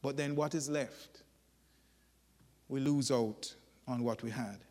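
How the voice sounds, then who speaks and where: A man preaching a sermon, telling folksy stories in an animated, emphatic way. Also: medium pitch, slow pace, long reverb tail.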